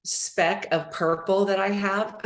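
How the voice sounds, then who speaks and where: A woman leading a real estate team training, talking in a chatty, animated way and acting out phone calls. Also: medium pitch, slow pace, echoey room.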